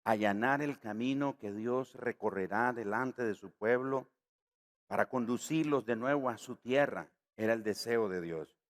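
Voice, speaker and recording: Preaching unhurriedly, a man from Nicaragua delivers a sermon as a pastor. He raises his pitch and volume on key words and performs the voices of the characters in his stories.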